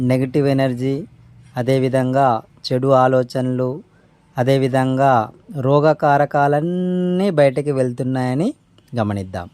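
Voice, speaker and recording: Man, meditation teacher, calm, unhurried, short pauses, mellow warm tone. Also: mid-range voice, clean tone. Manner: calm, unhurried, pausing between short phrases; respectful formal greeting. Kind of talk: spoken meditation instruction.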